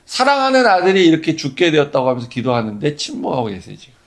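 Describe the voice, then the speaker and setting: A man's voice: on the high side, wildly swooping pitch, fast, creaky. A man preaching a sermon as pastor, conversational and full of rhetorical questions.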